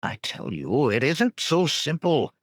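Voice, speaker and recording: A man's voice: a little high, sing-song, no echo, clean studio sound, voice pushed up. A man voicing a nervous, shifty male bandit tracker who talks defensively and in a rush. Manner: defensive, hurried.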